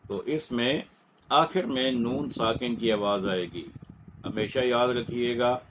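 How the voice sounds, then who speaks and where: A man with a Pakistani Urdu accent giving a slow, patient lesson in Quran recitation, repeating each point. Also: medium pitch, noisy background. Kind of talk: step-by-step lesson.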